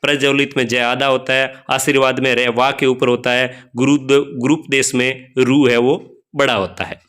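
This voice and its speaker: A man teaching Hindi grammar, reading out quiz questions and explaining each option one by one, slowing down to spell out letters and addressing viewers as friends. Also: mid-range voice, level tone, fairly bright tone, smooth. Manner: slows down to spell out letters and vowel signs. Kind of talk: spoken quiz walkthrough lesson.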